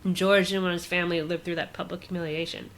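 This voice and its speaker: A woman co-hosting a podcast, chatting casually and retelling a story with lots of "like" and quick laughs. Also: fairly low pitch, flat delivery, slight background noise. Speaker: podcast co-host. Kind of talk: casual chat.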